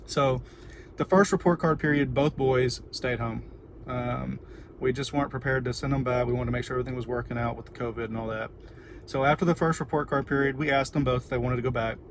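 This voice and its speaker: A man's voice: mid-range voice, steady tone, brisk. A middle-aged man with a Texan accent, chatting casually and informally in a rambling livestream to viewers from inside a car. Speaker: vlogger and parent. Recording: noisy car with ambient background noise.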